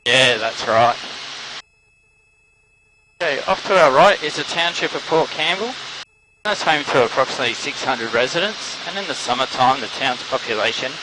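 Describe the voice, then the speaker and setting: A man works as a helicopter tour guide, calling out landmarks in an informative way. His voice is mid-pitched and sits in loud, steady engine noise over the intercom. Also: moderate pace. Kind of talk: tour commentary over a headset. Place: inside a flying helicopter.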